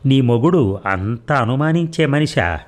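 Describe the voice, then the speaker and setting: A man voicing an earnest young bachelor who talks in a gentle, coaxing way, in a read-aloud story. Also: mid-range voice, animated, a little slow, pitched above the performer's own voice, natural voice. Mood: concerned.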